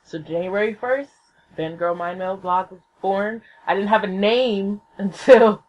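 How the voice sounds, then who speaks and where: Young woman host, solo podcast, gushy storyteller who swears a lot, slightly dull lo-fi laptop sound. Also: measured pace. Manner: excitable, swears freely, acts out quotes with big pitch jumps.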